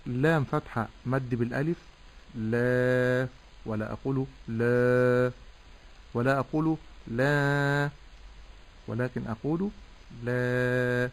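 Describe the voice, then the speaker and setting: Measured Arabic Quran reading teacher. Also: male voice, mid-range voice, creaky, low-quality recording. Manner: measured, demonstrates sounds by drawing out vowels. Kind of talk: tajweed lesson with recitation.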